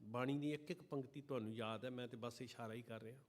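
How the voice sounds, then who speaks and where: A man preaching a sermon to a congregation at a gurdwara, chanting and singing scripture lines slowly between passages of fervent preaching. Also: mid-range voice, steady tone. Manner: addresses the congregation directly. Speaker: Sikh preacher giving katha. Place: gurdwara hall during an evening service.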